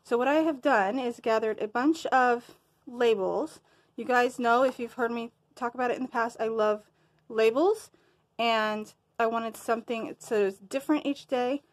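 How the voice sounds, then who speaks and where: A crafting vlogger chats casually with viewers during a show-and-tell, sounding a little out of breath and rambling, sometimes losing her train of thought. Her voice is slightly high and her pace moderate.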